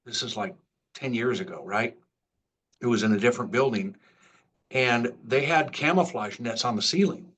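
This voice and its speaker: Earnest man on a video panel, middle pitch, chatty. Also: normal speed, a bit bright, breathy edge. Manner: earnest, conversational, uses "you know" and "right". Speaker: veteran services coordinator. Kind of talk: casual panel talk.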